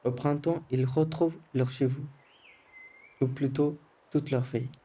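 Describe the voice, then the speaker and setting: Teen boy narrator, scripted voice-over, steady monotone delivery, mellow and very dark. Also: mid-range voice, a little slow, husky. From Sri Lanka. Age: teens. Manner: calm, careful reading, short phrases. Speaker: student narrator of a school film.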